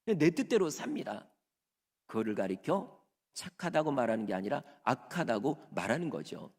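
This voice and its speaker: A man's voice: medium pitch, moderate pace. A male pastor preaching a Sunday sermon in a church sanctuary, acting out the voices of the people in the story he tells. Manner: lively preaching, acts out servants' voices in quotes. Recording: long hall reverb.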